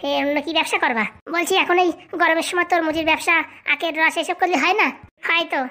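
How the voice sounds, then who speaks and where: Nervous cartoon sidekick, male, hesitant, bright and shrill, played by a woman. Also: steady tone, fast talker. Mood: worried. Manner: hesitant, worried. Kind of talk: comic cartoon voice acting.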